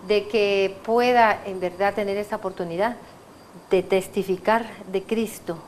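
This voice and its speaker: A woman from Guatemala with a Guatemalan accent, giving her testimony as an excited, laughing guest who trips over her words. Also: mid-range voice, a little slow, a little hiss or hum. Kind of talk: casual interview chat.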